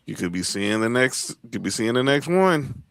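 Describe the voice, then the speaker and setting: A man's voice: medium pitch, big pitch swings, moderate pace, gravelly, fairly bright tone, no room sound. A man co-hosting a podcast in casual chat, running through lists and restarting phrases. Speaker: podcast co-host.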